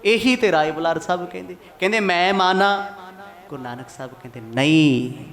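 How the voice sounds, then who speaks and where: A man's voice: high-pitched, brisk, fairly bright tone. A man from Mohali, Punjab, giving a Sikh katha sermon. He asks the congregation rhetorical questions and acts out the words of the figures he quotes. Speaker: Sikh preacher.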